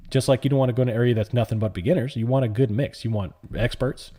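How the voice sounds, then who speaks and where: An options trader hosting a live trading stream rambles conversationally, taking viewers' chat questions as they come in. Born in New York City and raised in the US South, he has a warm, medium-pitched voice, fairly even intonation, and a quick pace.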